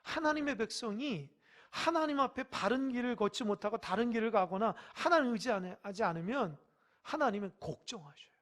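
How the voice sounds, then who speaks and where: In a church sanctuary, a pastor gives a midweek sermon in a mid-range, expressive voice at a moderate pace. He is emphatic and questions the congregation directly, swinging between loud exhortation and hushed asides.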